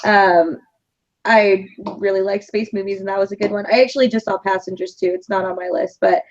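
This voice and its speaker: A chatty woman co-hosting a casual podcast, with a voice of middling pitch. Her talk is upbeat, with frequent laughter. The audio is a bit dull and lo-fi. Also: steady tone, fairly quick. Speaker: podcast co-host. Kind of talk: casual chat.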